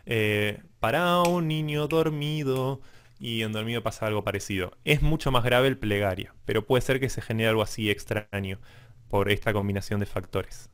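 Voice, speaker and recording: A man's voice: lowish voice, a little fast, fairly bright tone. A man teaching a music class, explaining patiently and checking understanding with frequent questions to his students. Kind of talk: online class lecture.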